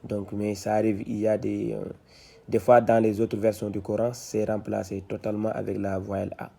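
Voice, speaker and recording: Low, gravelly male teacher from West Africa, slow and flat, drilling syllables one by one. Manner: slow, repetitive, explains then reads syllables aloud louder. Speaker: Quran reading teacher. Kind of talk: syllable-by-syllable reading lesson.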